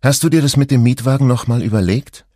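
A man's voice: mid-range voice, fast talker, dark tone, no echo, studio quality, pitched above the performer's own voice, natural voice. A man voicing a mother of two boys in an audiobook, speaking in a lightly teasing way. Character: mother of two boys, woman, 40s, easygoing.

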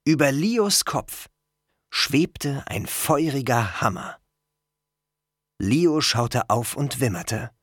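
An audiobook narrator reads slowly and steadily, with a lively melody that rises and falls through each sentence. The voice sits dry and close to the microphone, with no room sound. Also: medium pitch, husky, dry recording. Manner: measured, storytelling. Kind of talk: scripted narration.

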